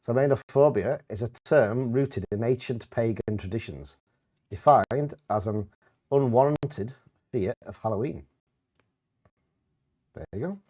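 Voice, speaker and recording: A man's voice: medium pitch, unhurried, pauses often, mellow, no echo, clean studio sound. A man co-hosting a bingo game with casual banter and commentary. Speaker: bingo co-host.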